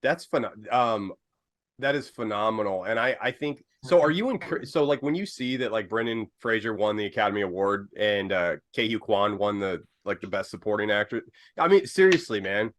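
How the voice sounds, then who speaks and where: A man's voice: on the low side, animated, normal speed. A man hosting a casual interview, enthusiastic and slangy, calling his guest dude and man. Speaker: host.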